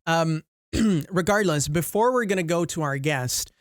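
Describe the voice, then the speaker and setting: Lively low-voiced young woman podcaster. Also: a little slow, no room sound, studio quality. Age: 20s. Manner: giggly, reassuring, upbeat. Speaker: podcast co-host. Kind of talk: casual chat.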